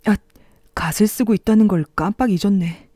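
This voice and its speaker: Lady doing a kind curious little boy from a storybook, playful like reading to a toddler, soft dark tone, dry sound. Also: medium pitch, brisk, no echo, close to an everyday voice. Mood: playful, directing. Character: kind, curious orphan boy who talks with animals. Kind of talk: children's storybook character voice.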